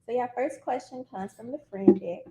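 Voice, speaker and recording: A woman's voice: on the high side, moderate pace. A woman reading out question cards to the hosts in a brief, friendly way during a casual chat. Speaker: question reader. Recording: roomy echo, faint hiss.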